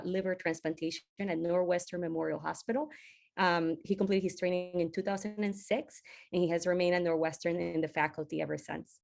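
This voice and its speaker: A woman's voice: fairly low pitch, darkish tone. A woman moderating a webinar, reading a formal introduction and then asking interview questions.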